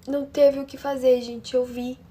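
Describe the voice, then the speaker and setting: Uma mulher brasileira que conta de forma dramática uma história pessoal, falando diretamente com as ouvintes. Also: female voice, high-pitched, flat delivery, moderate pace, mellow. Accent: Brazilian Portuguese. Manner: dramatic, talks straight to her listeners. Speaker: storytelling channel host. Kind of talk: emotional first-person storytelling.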